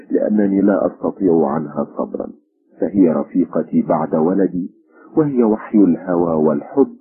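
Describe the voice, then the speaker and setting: A grieving old widow who speaks in slow, broken sorrow, as a male narrator puts her on. The voice is deep and very husky. It sounds like a dull lo-fi old radio recording. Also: full character voice. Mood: quiet, firm. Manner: sorrowful, halting speech. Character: grieving elderly mother, a painter's widow.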